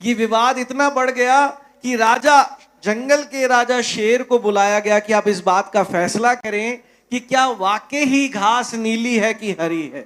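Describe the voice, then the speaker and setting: A man preaches a sermon in an Indian Hindi accent, unfolding a parable in a slow, deliberate way. His voice sits high for a man, and he swings from loud, urgent peaks to hushed, quiet lines. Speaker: pastor. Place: church.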